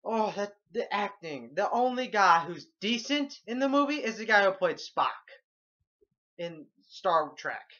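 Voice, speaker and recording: A young man ranting sarcastically through a movie review, swearing constantly and breaking into loud outbursts. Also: sits high, lively intonation, a little slow, highs cut off.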